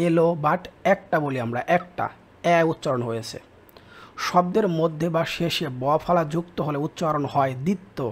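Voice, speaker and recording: A man teaching an exam-prep lesson, explaining step by step and slowly repeating the key terms. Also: on the high side. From Bangladesh.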